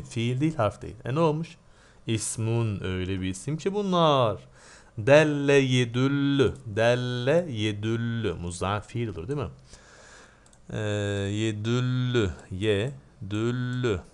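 Man teaching grammar, quizzing himself. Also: on the low side. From Turkey. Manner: asks himself questions and answers them, quizzing tone. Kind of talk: grammar lesson.

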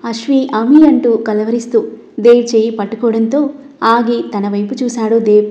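Woman narrating a story, mellow. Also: on the high side, normal speed. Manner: steady storytelling reading. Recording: dull lo-fi recording.

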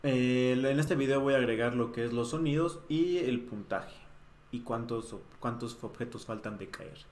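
A man's voice: medium pitch, moderate pace. A young man teaching a coding lesson, talking through each step as he types at his desk. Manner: relaxed, thinking aloud while typing code. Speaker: programming tutor. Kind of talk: screen-recorded coding tutorial. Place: small room at a desk, webcam. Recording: roomy echo, faint noise.

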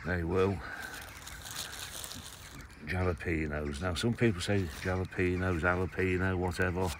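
An English man in his sixties, an allotment gardening vlogger, chats casually to camera and rambles about his harvest, often correcting himself. His low-pitched voice is steady and a little slow, with background noise from the greenhouses and plots, partly outdoors.

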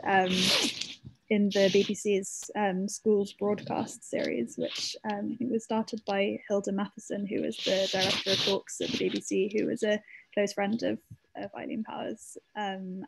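A woman's voice: mid-range voice, level tone, moderate pace, vocal fry, background noise. A woman author answering audience questions in an online talk, hesitant with many ums and restarts. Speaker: author speaking at a library talk.

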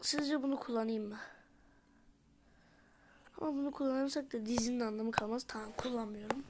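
A woman in whispered role-play, voicing dolls in a game and switching between character voices, often softly whispering. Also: on the high side, steady tone, brisk, noisy background. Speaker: YouTuber voicing dolls in a life-sim game.

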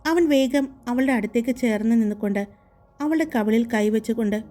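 A woman narrating a romance audiobook in a calm, even storytelling manner. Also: a little high, brisk, soft background music.

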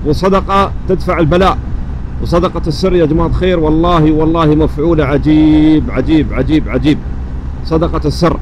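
A man with an Emirati Gulf Arabic accent talking casually and earnestly about faith as he rides, repeating phrases for emphasis. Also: fairly high pitch. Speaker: motovlogger. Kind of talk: casual religious reflection while riding. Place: outdoors on a motorbike in traffic. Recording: steady vehicle and traffic noise.

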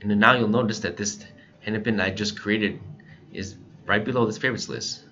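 An American man with a low, steady voice narrates a casual software tutorial as an instructor on a scanner shop's staff. He speaks fairly quickly in a pushed, bright tone and explains informally, step by step, on a muffled lo-fi voice-over with faint background noise.

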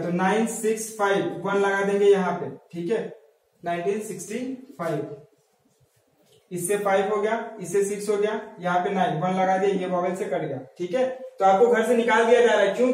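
A man teaching memory tricks in a lecture, asking questions and answering them himself while repeating key words. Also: sits high. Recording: very echoey room, far from the mic.

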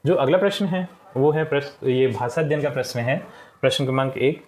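A man explains a textbook lesson to young pupils, patiently going over the answers, repeating words and saying "theek hai" often. His mid-range voice is a little fast and slightly mellow.

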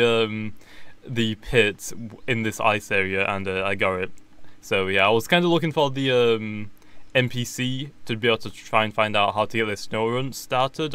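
A man's voice: on the low side, a bit bright, clean tone. A man giving casual gameplay commentary, thinking aloud and correcting himself as he goes. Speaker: gaming YouTuber.

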